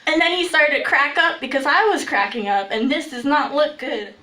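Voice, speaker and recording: A young woman tells funny stories live on stage, laughing as she talks and acting out what people said with lots of animation. Her voice sits high and moves at normal speed. The sound is roomy and echoing, her voice distant, with a little hiss or hum.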